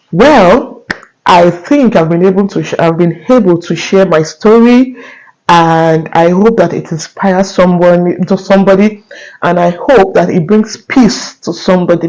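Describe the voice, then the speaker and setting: High-voiced Nigerian man vlogging. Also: darkish tone, rough recording. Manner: earnest, with frequent "right?" and restarts. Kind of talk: casual talk to camera.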